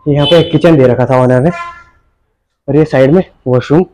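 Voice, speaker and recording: A young man hosting a real estate channel, giving an upbeat sales pitch as he walks a street and an empty shop, with short pauses between phrases. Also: warm tone, a little hiss or hum, poor audio. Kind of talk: property walkthrough narration.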